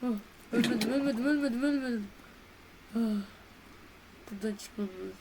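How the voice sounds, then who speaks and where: A woman giving casual commentary while playing a game, chatty and excitable, talking to her viewers in a playful, slangy way. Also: fairly high pitch, normal speed, vocal fry, very noisy. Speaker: gaming video creator.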